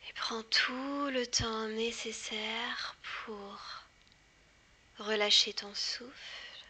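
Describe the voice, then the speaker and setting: A woman guiding a hypnosis session in a hushed, breathy whisper right in the listener's ear, soothing and deliberate with long pauses. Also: a little high, steady tone. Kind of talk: guided hypnosis, soft ASMR delivery.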